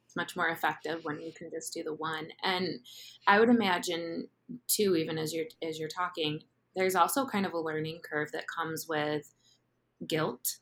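Low-voiced woman podcast host. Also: fairly even intonation, normal speed, a bit bright. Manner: reflective, agreeing, summarizing the guest. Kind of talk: podcast interview chat.

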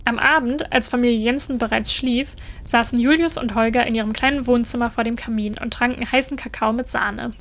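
A woman narrating a children's story in a gentle, even storytelling manner. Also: fairly high pitch, a little fast.

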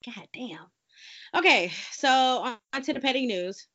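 A woman's voice: high voice, lively intonation, unhurried, sharp tone. A young woman hosting a casual podcast, brash and profane, teasing her co-host. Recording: dull lo-fi audio.

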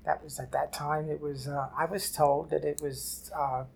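An older woman from New City, telling her life story haltingly in an oral history interview. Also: sits low, little pitch movement, gravelly, breathy edge. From New York City. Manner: halting, repeats and restarts phrases. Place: library office.

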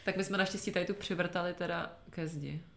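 Chatty Czech woman, lowish voice. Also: fairly even intonation. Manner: chatty storyteller, laughs often, swears casually. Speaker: podcast co-host. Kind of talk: casual chat.

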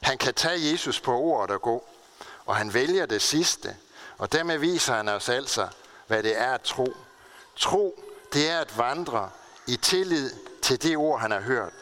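A man's voice: lively intonation, a bit bright. A male pastor delivering a sermon, telling stories earnestly and stressing key words with big swings in his voice. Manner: earnest storytelling with emphatic pitch swings.

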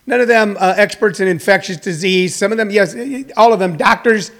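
A man with a notably high voice speaks off the cuff as host of a live talk show. His delivery is halting yet emphatic, and he repeats phrases to drive them home. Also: fairly bright tone. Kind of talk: off-the-cuff topical monologue.

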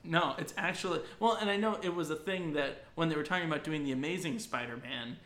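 A man's voice: on the high side, quick pace, fairly bright tone. A man co-hosting a podcast, casually explaining fan trivia with frequent uh fillers, recorded in an echoey room. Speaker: podcast co-host. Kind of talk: casual movie review chat.

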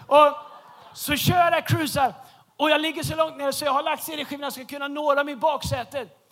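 A man preaching a humorous sermon in a church, telling a story with lively shouted punchlines. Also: extremely high pitch. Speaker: pastor. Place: large church hall.

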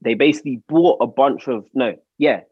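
A man's voice: mid-range voice, normal speed, husky, no echo, dull audio. A young man with a London roadman accent, casually spelling out his points in slang as a podcast co-host. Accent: London, urban roadman slang. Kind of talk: casual explaining and chat.

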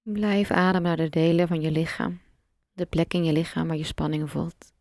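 A woman guiding a relaxation meditation, giving slow, calm, soft instructions with long pauses. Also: low-pitched, dry recording, studio quality. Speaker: meditation guide.

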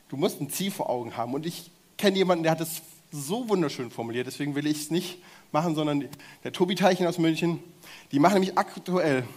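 A man preaching a sermon in German, talking directly and energetically and getting his audience to shout along. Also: a little high.

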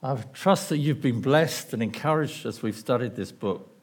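A man preaches a Sunday sermon with a voice gone hoarse, his pitch sitting in the middle range. He talks to the congregation in an easy, chatty way, asking questions and musing aloud. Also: moderate pace. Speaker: pastor. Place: church hall.

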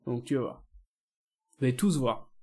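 A man's voice: medium pitch, normal speed, darkish tone, husky. A man co-hosting a casual podcast chat, mocking and laughing often as he talks. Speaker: podcast co-host.

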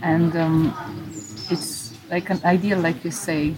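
Woman, disciple, low voice, hesitant, thoughtful, loud background noise. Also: steady tone, takes it slowly. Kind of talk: casual discussion.

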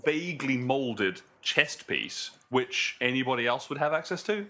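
A man co-hosting a casual podcast panel about video games, talking in a playful, lively way. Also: medium pitch, measured pace. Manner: animated, playful, breaks into silly voices. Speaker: podcast co-host.

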